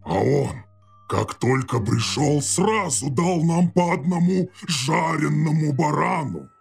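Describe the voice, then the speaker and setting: A man voicing resentful lions with a rough, grumbling delivery. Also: fairly high pitch, animated, takes it slowly, faint music behind, heavily acted. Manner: grumbling complaint. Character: gruff male lions, resentful.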